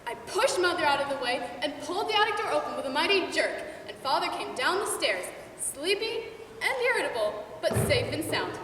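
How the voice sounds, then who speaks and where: High lively young woman narrating on stage. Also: brisk. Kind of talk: readers' theatre narration. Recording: echoey hall, far off, noisy.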